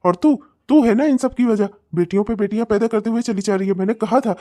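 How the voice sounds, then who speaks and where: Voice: mid-range voice, quick pace, lightly acted. A voice actor playing an abusive, short-tempered husband and father in a cartoon, hurling insults and threats. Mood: bitter. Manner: shouting insults, snarling and threatening. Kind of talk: cartoon comedy voice acting.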